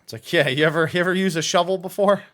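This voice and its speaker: A livestream host chats casually, telling anecdotes in an animated, profane way and acting out the dialogue. His voice is high-pitched and he talks at a racing speed.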